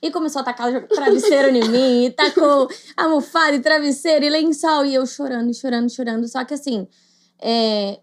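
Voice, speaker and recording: A young woman with a Brazilian Portuguese accent, co-hosting a podcast and telling a personal story in casual chat, acting out the voices she quotes. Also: sits high. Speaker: podcast co-host.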